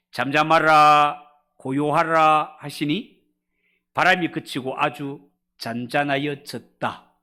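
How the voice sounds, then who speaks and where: A male pastor delivering an expository sermon at a church evening service, swinging between loud emphasis and hushed drops. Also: a little high.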